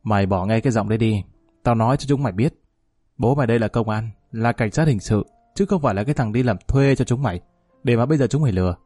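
A cold, threatening man growls his lines low and harsh, as a male narrator puts him on. The voice sits deep and mellow in tone, dry and close, with faint music underneath in this audio story. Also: fast, no echo, natural voice. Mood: menacing. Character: cold menacing male police gangster.

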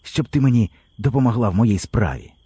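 A man's voice: mid-range voice, lively intonation, quick pace, mellow, husky, no room sound, voice pushed up. A man voicing a cold, estranged young son who talks to his mother in a detached way in an audiobook. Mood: cold aloof. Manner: aloof, detached.

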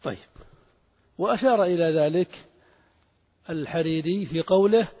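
A man's voice: fairly high pitch, moderate pace, a little mellow, husky. A man teaching Arabic grammar to a class, asking students questions and repeating their answers. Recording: muffled recording in a reverberant hall.

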